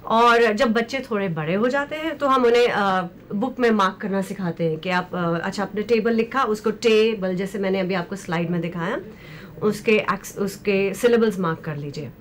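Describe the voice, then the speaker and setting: A woman teaching as a special education expert, speaking in a slow, deliberate way and mixing Hindi with English. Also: medium pitch, a little hiss or hum. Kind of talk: explanatory lecture discussion.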